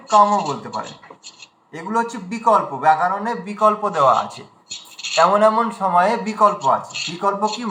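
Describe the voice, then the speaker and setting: A man teaching recitation in an online class, patiently drawing out words very slowly to demonstrate and often checking that students follow. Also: high-pitched, bright, forceful tone, reverberant, slight background noise, rough recording. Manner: often checks understanding with a question. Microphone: video call.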